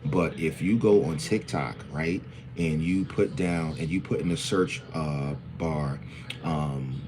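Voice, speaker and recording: A man's voice: rumbling low, slow pace, noisy background. A man in his forties from New hosting a livestream, talking loosely and greeting viewers by name. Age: 40s. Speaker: livestream host. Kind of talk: casual livestream talk.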